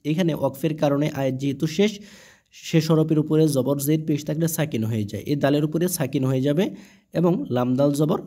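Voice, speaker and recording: A man teaching Quran reading in a slow, patient lesson, spelling each word letter by letter and repeating it. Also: a little high, warm tone. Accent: Bangladeshi Bengali.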